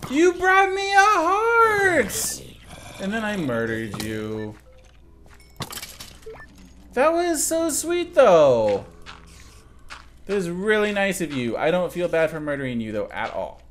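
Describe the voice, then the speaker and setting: A man's voice: on the high side, wildly swooping pitch, takes it slowly, long pauses, slight background noise. A young man doing sarcastic let's play commentary, joking with the creatures in the game. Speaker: gaming commentator.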